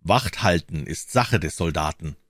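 A man's voice: low voice, animated, a little slow, a bit bright, no room sound, studio quality, full character voice. A man voicing a bold, cheeky young soldier who talks back with mockery. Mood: defiant. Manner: defiant, mocking.

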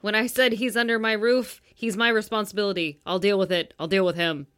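A woman's voice: medium pitch, fairly even intonation, fairly quick, lightly acted. A woman reading as a stern, bossy professor. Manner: firm, insistent, loud reading. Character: stern controlling young male professor.

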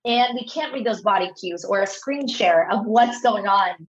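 An author in her thirties shares stories as a guest with an earnest, chatty manner, frequently starting over and repeating her opening words. She speaks at a moderate pace in a medium pitch, and the recording sounds a bit dull and lo-fi.

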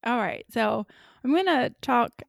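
A woman's voice: fairly high pitch, animated, unhurried, gravelly, no echo, studio quality. A woman co-hosting a podcast, telling a weird story in a casual, chatty way with careful enunciation. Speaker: podcast co-host.

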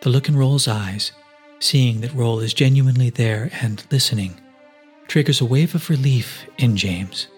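A male narrator reads an adventure story in steady, dramatic scripted narration. His voice sits at a middle pitch, and a faint musical score plays quietly beneath him. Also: moderate pace, faint music behind.

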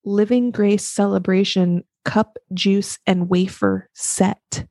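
A woman's voice: medium pitch, level tone, slow pace, vocal fry, warm tone, dry recording, studio quality. A woman co-hosting a podcast in casual chat, chatty and amused. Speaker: podcast co-host.

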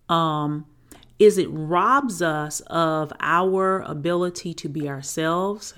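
A woman's voice: low-pitched, a bit bright. A woman in her forties hosting a podcast, talking candidly and emphatically about her own healing, swearing freely. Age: 40s. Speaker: podcast host and healing coach. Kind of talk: reflective solo podcast talk.

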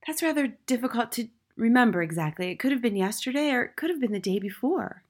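A woman reading a storybook, voicing a brave, bright little schoolboy who answers back politely. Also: a little high, expressive, quick pace, voice pushed up. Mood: earnest, cheeky.

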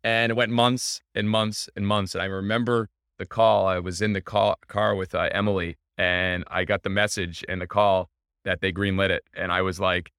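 A man's voice: deep voice, level tone, moderate pace, a bit bright, clean tone, no echo, studio quality. A man being interviewed as a baseball team owner, telling his story with enthusiasm and emphasis. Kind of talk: energetic interview talk.

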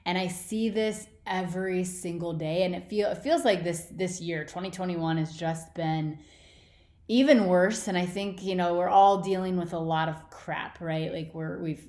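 A woman with a fairly low, darkish voice hosts a podcast, delivering a casual motivational monologue. She's informal, emphatic and blunt. The recording is roomy, with echoing indoor sound.

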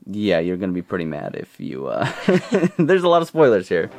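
A man's voice: sits low, huge pitch swings, a little fast, gravelly, music in the background. A man co-hosting a podcast, talking in a laid-back, conversational way. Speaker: podcast co-host. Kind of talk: casual podcast chat.

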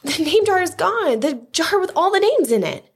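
A woman doing a shouting, excitable little boy. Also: extremely high pitch, normal speed, pitched above the performer's own voice, full character voice. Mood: excited. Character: excited loud young schoolboy.

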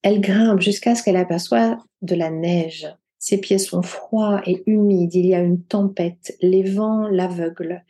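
A woman retelling a folk tale for her podcast in a gentle, unhurried way, with small hesitations. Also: fairly low pitch, steady tone. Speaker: podcast storyteller.

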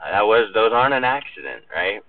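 A pastor giving an earnest, emphatic sermon on a psalm, slowing down to stress key words. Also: male voice, fairly low pitch, very animated. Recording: distant phone-like recording with faint noise.

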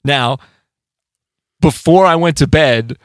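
A man's voice: fairly high pitch, slow pace, no room sound. Man telling rambling stories, dry sound. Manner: rambling storytelling with profanity and filler. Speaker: podcast co-host; band musician. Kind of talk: casual chat.

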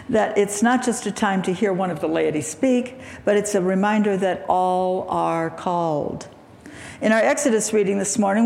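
A woman lay speaker giving an earnest sermon in a church sanctuary, with a throaty, gravelly morning voice. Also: mid-range voice, a little mellow. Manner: measured, earnest preaching with throat clearing. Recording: echoey hall reverb, faint ambience.

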